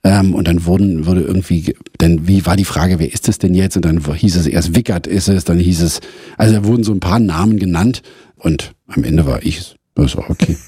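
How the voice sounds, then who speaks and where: A crime novelist, a man, speaks in a low, mellow voice with a slightly husky edge, pausing and searching for words as he tells his story. The studio sound is dry and close. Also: no room sound. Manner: thoughtful, hesitant with fillers. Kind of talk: interview conversation.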